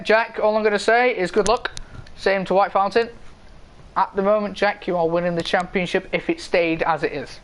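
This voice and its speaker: A man's voice: high voice, a bit bright, smooth. A man commentating a sim racing league race live, chatty, with fillers and asides to the viewers in chat.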